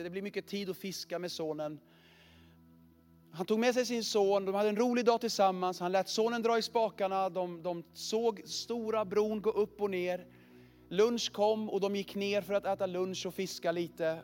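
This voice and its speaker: A male preacher telling a story in a sermon, earnest and often dropping to a hushed, heavy voice. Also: high voice.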